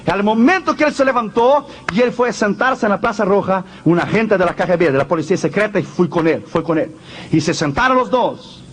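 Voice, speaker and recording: A man's voice: sits high, lively intonation, fairly quick, slight background noise. A man preaching a sermon, telling a story with fervor and calling out praise. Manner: fervent, building to loud praise. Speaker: evangelist preacher.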